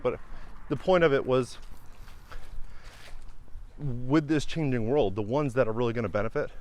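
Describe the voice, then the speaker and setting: A man giving emphatic, animated casual commentary as a vlog host, repeating his points for stress. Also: medium pitch. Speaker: real estate investor and channel host.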